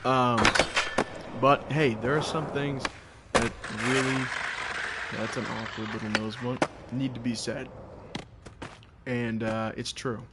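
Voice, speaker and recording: Slow-talking man chewing gum, noisy stream. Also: mid-range voice, fairly even intonation. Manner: rambling, halting, thinking aloud. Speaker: live streamer of a skateboarding game. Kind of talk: casual live gaming commentary. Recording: loud background noise with clicking.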